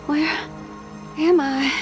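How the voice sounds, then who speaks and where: A shrill, nagging young wife. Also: female voice, steady tone, drawn-out words. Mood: scolding. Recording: game audio with clear music behind.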